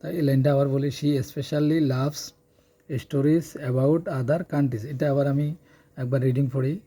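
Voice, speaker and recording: A man teaching English in a reading lesson, spelling words letter by letter and repeating them slowly. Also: medium pitch, steady tone, mellow.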